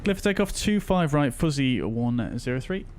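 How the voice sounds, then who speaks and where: A man's voice: mid-range voice, very animated, moderate pace, darkish tone, slight background noise. A man on a headset mic, speaking in clipped pilot radio calls and cockpit callouts. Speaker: flight sim streamer playing pilot.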